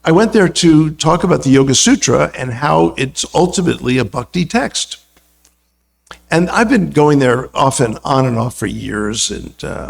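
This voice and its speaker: This man is an American religious teacher and university lecturer appearing as a guest speaker, and his voice is medium in pitch with a creaky quality. He shares anecdotes in a relaxed, conversational talk that wanders into asides.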